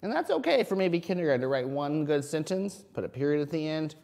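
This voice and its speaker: A man's voice: on the high side, animated, fast, vocal fry, a little mellow. A man teaching a reading lesson to young children, speaking to them directly with simple questions and sounding out words. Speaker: kindergarten teacher.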